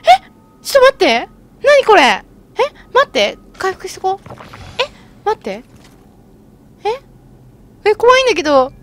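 Woman, let's-play commentary, very high voice, jumpy lively pitch, excitable, chatty. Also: measured pace, pauses often. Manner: excitable, shrieks and laughs at the game; chatty self-mocking asides. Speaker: game streamer.

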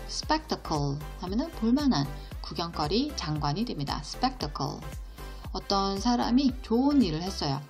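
A woman teaching an English vocabulary lesson, explaining each word slowly and patiently and asking her students questions along the way. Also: mid-range voice, very animated, a little mellow, faint music behind. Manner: slow, patient explanation with question-and-answer prompts.

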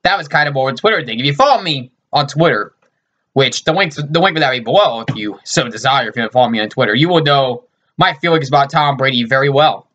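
A young man talks to the camera in a sarcastic, mock-upset comedy monologue and breaks off his own sentences. His voice is bright and forceful. The sound is slightly dull and lo-fi, recorded in a small room at home. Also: mid-range voice, expressive, fast talker. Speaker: YouTube comedian.

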